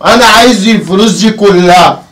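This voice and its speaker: A man's voice: high voice, a little fast, fairly bright tone. A man playing a bullying drunk Egyptian father. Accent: Egyptian Arabic. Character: harsh drunken father, later remorseful. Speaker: actor. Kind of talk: amateur family drama. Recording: distant mic with music behind.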